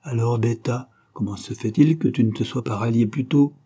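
A man's voice: medium pitch, normal speed, mellow, breathy edge, natural voice. A man voicing a shrewd mocking older mother. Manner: mocking, wary, dry.

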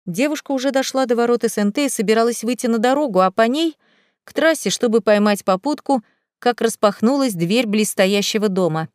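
A woman narrating an audiobook chapter in a lively, expressive reading. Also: on the high side, fairly quick, no room sound. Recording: dry close studio sound.

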